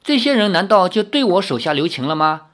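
The narrator voicing a haughty, fiery young swordswoman in an audiobook, with a shrill, imperious, quick-tempered manner. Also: big pitch swings, fairly bright tone. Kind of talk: audiobook character voice.

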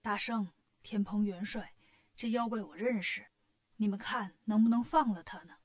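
A woman's voice: moderate pace, a little mellow, lightly acted. A woman doing a mild old god of longevity. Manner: low, mild and chatty. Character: genial old male god of longevity, easygoing.

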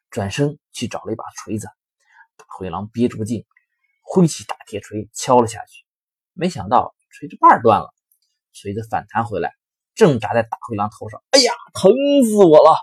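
A man narrating a children's story in a lively, expressive reading. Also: on the low side, husky, no echo. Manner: lively, expressive reading with sharp rises in volume.

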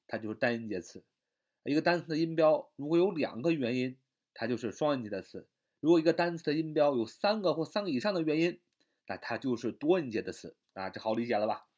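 A man teaching English grammar in Chinese, explaining step by step with many drawn-out fillers and repeated points. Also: mid-range voice, expressive, a little mellow.

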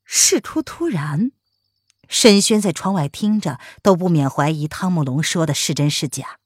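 A woman narrating a martial-arts story as an audiobook, in an expressive storytelling manner. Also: low-pitched, normal speed, husky, dry recording, clean studio sound.

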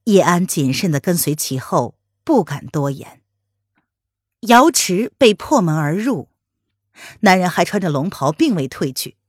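A woman narrating a palace romance novel as an audiobook, in an expressive storytelling manner. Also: on the low side, unhurried, husky, no room sound, clean studio sound.

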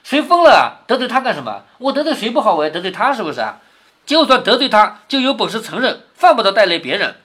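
A man reading aloud the lines of a sharp-tongued, outspoken young maid in a storybook reading. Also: high voice, big pitch swings, fast talker, full character voice. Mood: scornful. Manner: biting, mocking.

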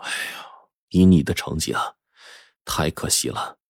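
A man's voice: deep voice, fairly even intonation, a little mellow, dry recording, clean studio sound. A man voicing a middle-aged village schoolteacher who sighs and weighs his words while hatching a plan. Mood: sighing. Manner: sighing, measured.

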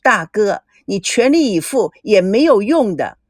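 A woman voicing an easygoing younger brother who talks in a lowered, casual, wry way. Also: sing-song, a little slow, no echo, studio quality.

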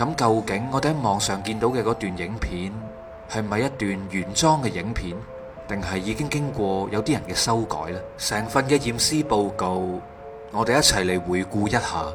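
A man's voice: fairly low pitch, expressive, moderate pace. A man with a Hong Kong Cantonese accent reads scripted true crime narration in a factual, methodical manner. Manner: factual, methodical recounting of case details. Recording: music behind the voice. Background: background music.

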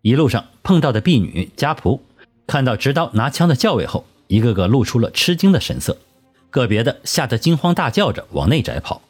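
A man narrating a historical audiobook in a measured storytelling manner. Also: medium pitch, very animated. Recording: husky voice over soft music.

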